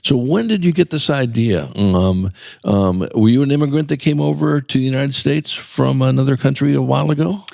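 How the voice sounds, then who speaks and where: A male podcast host interviews his guest in a friendly, curious way. His mid-pitched voice has a gravelly edge. The studio sound is dry and close. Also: a little mellow, no echo. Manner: friendly, curious, quick back-channel replies. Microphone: studio microphone.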